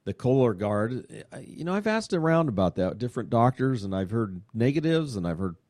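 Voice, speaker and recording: A man hosting a radio show, chatting in a casual way, excitable and full of fillers. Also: medium pitch, fairly quick, no echo, studio quality. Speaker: radio show host and money manager.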